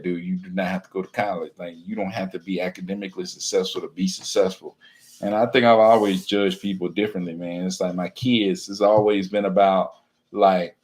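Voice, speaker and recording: Deep-voiced man giving casual pep talk. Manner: loose, repetitive, peppered with "man" and "you know what I'm saying"; encouraging, earnest. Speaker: teacher and real estate wholesaler vlogger. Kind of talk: casual motivational talk to camera.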